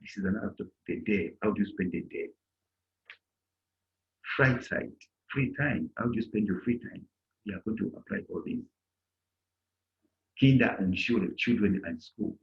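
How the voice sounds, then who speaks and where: With a voice on the low side, normal speed, and long pauses, a middle-aged man teaches German to an online class, raising his voice as he acts out short exchanges. The lo-fi sound comes from his laptop mic on a video call indoors.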